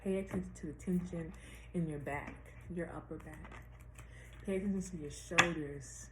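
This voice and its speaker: An American woman talking slowly and deliberately with a slight retainer lisp, giving casual spiritual guidance to viewers and repeating phrases for emphasis. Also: on the low side, fairly even intonation. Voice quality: slightly lisped speech from wearing a dental retainer. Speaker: tarot reader and astrologer hosting a weekly series. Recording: roomy echo with faint background noise.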